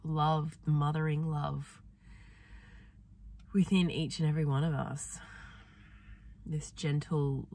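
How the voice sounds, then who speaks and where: A woman vlogger talking softly and gently in a reflective personal diary, her voice affected by a sore, swollen throat. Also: sits low, fairly even intonation, slow, long pauses, far from the mic. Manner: soft, gentle, meandering, with many fillers.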